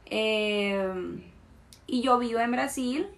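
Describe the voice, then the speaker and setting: A woman from Colombia with a Colombian accent, a native Spanish speaker teaching a live online lesson in Portuguese, saying words slowly and repeating them for students to copy. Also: a little high, gravelly.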